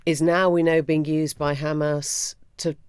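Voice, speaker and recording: A man with a fairly high voice leads a podcast interview and puts pointed points to his guest, stumbling now and then. The sound is dry and close. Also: little pitch movement, moderate pace, clean tone, no room sound. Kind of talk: interview questions.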